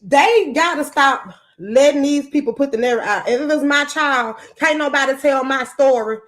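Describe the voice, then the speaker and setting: A woman's voice: sits high, moderate pace, a bit bright. A woman hosting a livestream who has not slept, ranting angrily and profanely while greeting viewers by name, speaking. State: sleepless. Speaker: podcast host on a livestream. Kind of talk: unscripted livestream rant.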